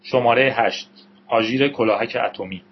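A man's voice: medium pitch, slightly rough, lightly acted. Naive young deputy read by a man, earnest, dutiful, muffled lo-fi sound. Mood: alarmed. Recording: dull lo-fi recording.

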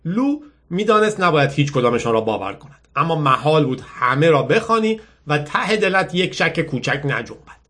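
A man's voice: a little high, very animated, sharp tone. A man reading a novel aloud and breaking off for chatty, wry commentary. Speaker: book reader and podcaster. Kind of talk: audiobook reading with casual commentary.

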